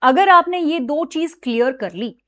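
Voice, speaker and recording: High-voiced woman teaching exam prep. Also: lively intonation, unhurried, sharp tone. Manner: chatty, mixes Hindi with English phrases, repeats "ठीक है?". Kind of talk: online exam-prep lesson.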